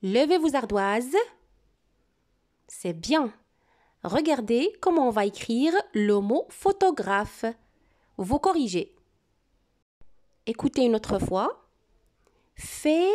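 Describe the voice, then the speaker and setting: Slow, deliberate woman teacher giving dictation. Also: a little high, big pitch swings, darkish tone. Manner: slow, deliberate dictation with words repeated clearly. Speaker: primary school teacher. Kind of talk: classroom dictation lesson.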